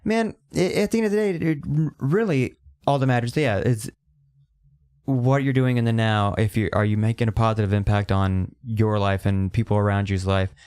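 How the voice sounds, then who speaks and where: A man's voice: lowish voice, moderate pace, a little mellow, smooth. A man in his thirties in casual podcast chat, rambling and emphatic, swearing freely. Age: 30s.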